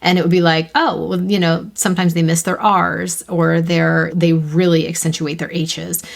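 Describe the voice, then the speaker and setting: A bubbly, talkative American woman co-hosting a casual writing podcast. Her voice sits a little low for a woman. She rambles happily and now and then jumps into high, excited squeals. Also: moderate pace, creaky. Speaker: podcast co-host, fiction writer. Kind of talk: casual chat.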